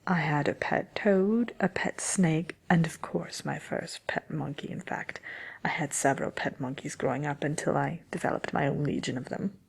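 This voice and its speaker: Woman as a low, breathy, creaky wicked witch. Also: heavily acted. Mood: smug, chatty. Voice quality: breathy, creaky, often near whispering. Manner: sly, haughty, hesitant with many drawn-out pauses. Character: smug, envious wicked witch hosting a chat. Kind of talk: ASMR roleplay, soft-spoken chatty answers to listener questions.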